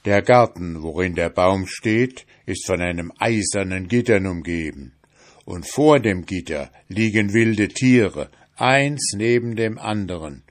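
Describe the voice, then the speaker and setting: A man reading a fairy tale aloud, voicing a stern male giant in a louder, commanding tone. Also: low-pitched, animated, unhurried. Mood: warning.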